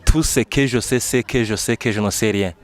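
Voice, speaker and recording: A man's voice: lowish voice, fairly quick. A man hosting a casual street interview, quizzing his guest in a playful, informal way. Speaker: interviewer and channel host. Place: outdoors in a town.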